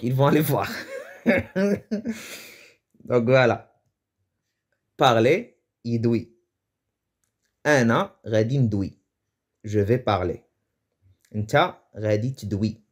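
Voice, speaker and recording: A man's voice: on the low side, moderate pace, long pauses. Man teaching, hesitant and chatty. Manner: hesitant, thinks aloud with restarts and chuckles. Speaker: Moroccan Arabic teacher. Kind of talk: casual explanatory lesson.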